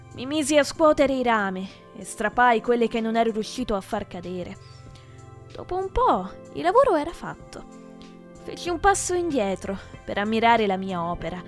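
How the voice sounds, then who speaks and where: A woman reading a children's book aloud with expressive storytelling, as the host of her own podcast. Her voice sits a little high, and gentle music plays faintly under the narration. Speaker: podcast reader.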